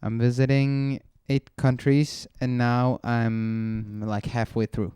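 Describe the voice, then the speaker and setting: A man's voice: medium pitch, takes it slowly, clean tone, no room sound, studio quality. Laid-back young man chatting. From Norway. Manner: relaxed, chatty, laughs easily. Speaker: touring singer, guest. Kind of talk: casual podcast chat.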